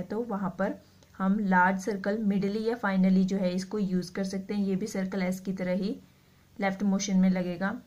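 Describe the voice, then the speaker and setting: A woman teaching shorthand, explaining slowly and repeating each word as she writes it out. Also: mid-range voice, darkish tone. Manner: slow, repeats words while writing. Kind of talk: explaining a lesson.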